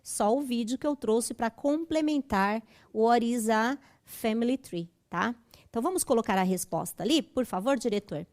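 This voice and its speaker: A woman teaching an online class. She explains briskly with tag questions and reads the English answers out slowly. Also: a little high, darkish tone. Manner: slows right down to read English answers aloud.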